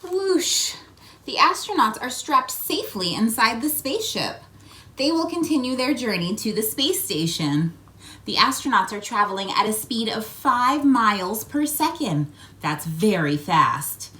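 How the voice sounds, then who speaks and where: Her voice is on the high side and a little slow as she performs a children's picture book. The host reads expressively, throws in coaxing questions and asides for little ones, and acts out the sound words.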